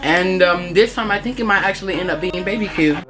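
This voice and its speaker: A woman's voice: on the low side, fairly quick. A woman YouTuber chatting casually and jokingly while playing a game, with dramatic playful outbursts. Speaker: gaming YouTuber. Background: game music.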